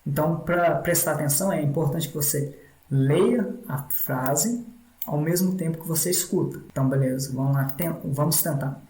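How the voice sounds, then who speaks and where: A man with a Brazilian Portuguese accent walks through a tutorial one step at a time. His voice sits somewhat high for a man. He repeats points patiently and recorded in a room with noticeable echo. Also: normal speed, a little mellow. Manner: repetitive, instructive, frequent "né" tags. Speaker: English teacher.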